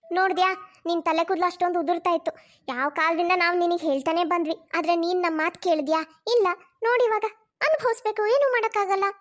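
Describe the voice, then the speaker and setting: A woman's voice: very high voice, fast. A woman voicing a scolding, mocking older mother-in-law in a cartoon. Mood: lecturing. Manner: mocking, lecturing. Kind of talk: cartoon voice acting.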